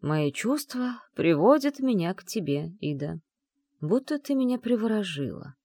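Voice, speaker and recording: A woman's voice: mid-range voice, sing-song, measured pace, darkish tone, no echo, studio quality. A woman voicing a cocky, teasing young male dragon in an audiobook, with a mocking, playful manner. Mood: tender. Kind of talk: audiobook character voice.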